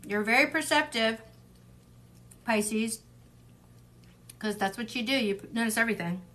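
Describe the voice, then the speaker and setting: A woman's voice: a little high, moderate pace, a bit bright. Chatty woman giving a casual tarot reading. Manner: chatty, rambling, frequent fillers and laughs; slips into mimicking voices for people she describes. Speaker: tarot reader.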